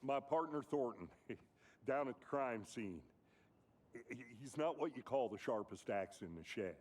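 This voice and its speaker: Folksy small-town deputy. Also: male voice, medium pitch, animated, unhurried, a little mellow. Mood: folksy, chatty. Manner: folksy, hesitant, rambling. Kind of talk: scripted video game dialogue.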